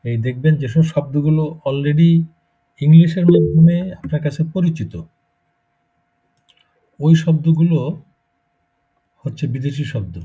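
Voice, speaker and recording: Husky, dark-voiced man teaching a class. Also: on the high side, a little slow, pauses often. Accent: Bangladeshi Bengali. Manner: explains step by step, checks with students. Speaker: German language teacher. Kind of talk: live class lecture. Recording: muffled lo-fi recording.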